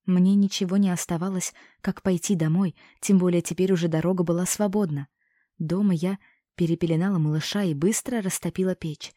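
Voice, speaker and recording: A woman's voice: lowish voice, steady tone, fairly quick, warm tone, no room sound, studio quality. A woman narrating a first-person story as an audiobook, telling it expressively and voicing the characters.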